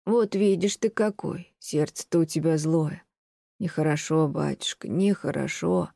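A fretful old landowner lady over sixty, lonely and reproachful, speaking in a slow, plaintive scolding tone, as a woman reader puts her on. Her voice sits low and mellow, and the recording is close and dry. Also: vocal fry, no echo, exaggerated voice. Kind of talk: audiobook reading of classic prose.

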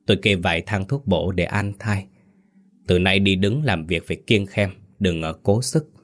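A man voicing a calm village herbal healer who gives measured advice. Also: low voice, lightly acted. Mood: reassuring. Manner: advising, measured.

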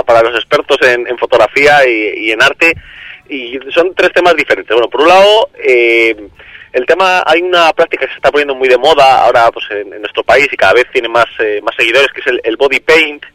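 Caller on a phone line. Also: male voice, medium pitch, fairly quick, a bit bright, no room sound. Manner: hesitant, many restarts and fillers. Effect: heard over a phone line. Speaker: radio call-in listener. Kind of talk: casual call-in chat.

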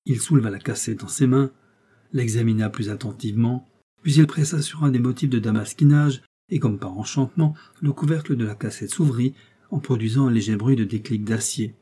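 A man reading a novel aloud in measured, steady scripted narration. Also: medium pitch, husky. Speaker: audiobook reader.

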